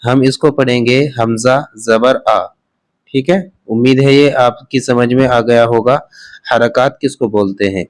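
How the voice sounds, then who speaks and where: A man with an Urdu accent teaching a Quran reading lesson, drilling each letter slowly and correcting common mistakes. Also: mid-range voice, steady tone. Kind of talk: slow recited alphabet lesson.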